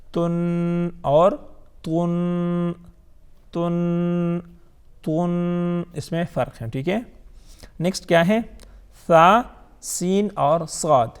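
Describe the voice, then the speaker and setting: A man teaching Quran recitation. He draws out each Arabic letter slowly, then explains quickly, asks the viewer questions and answers them himself. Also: on the high side, a little mellow.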